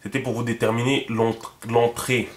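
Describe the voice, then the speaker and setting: A man walks through a writing lesson in a loose, chatty way, circling back and repeating himself with plenty of fillers. His voice sits at an ordinary middle pitch. The room around him is echoey. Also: level tone, normal speed. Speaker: teacher. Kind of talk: casual video lesson.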